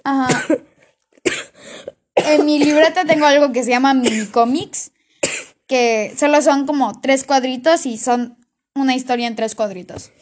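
A woman's voice: sits high, measured pace, pauses often, a little mellow. A woman in casual chat who tells stories in a chatty way and often restarts her sentences. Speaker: co-host.

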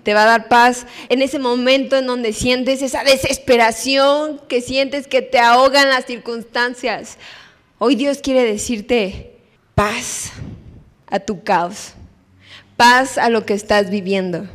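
A woman preacher giving an expressive sermon, acting out voices as she tells stories. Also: on the high side, a little slow. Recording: long hall reverb.

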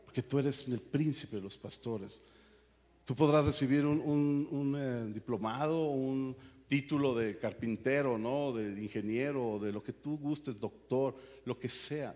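A man, preaching a sermon as the pastor of a church, at times rising to shouts. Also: mid-range voice, a little slow, long reverb tail. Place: church hall.

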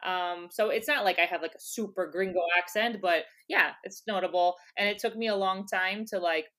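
In a laid-back podcast interview, a former soccer player who speaks English as her first language talks at a normal speed. Her medium-pitched voice has a fairly bright tone, and she's chatty, laughing frequently and dropping in lots of filler words.

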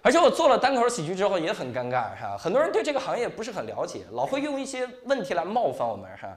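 A young man performing a stand-up comedy set on stage, telling stories in an animated way and tagging his lines with quick asides. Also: high voice. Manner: animated storytelling with frequent tag 哈 and 是吧. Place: comedy stage before a live audience.

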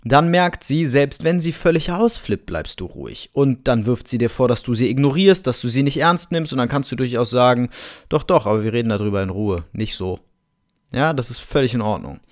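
A man who works as a relationship coach, giving advice to men in a calm, direct podcast monologue and often acting out sample lines of dialogue. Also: mid-range voice, fairly quick, few pauses.

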